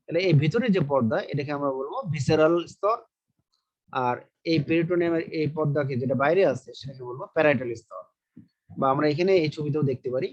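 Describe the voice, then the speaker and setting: A man's voice: a little high, quick pace, darkish tone, lo-fi sound. A man teaching a biology lecture, asking questions and answering them himself while repeating key terms. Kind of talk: online lecture.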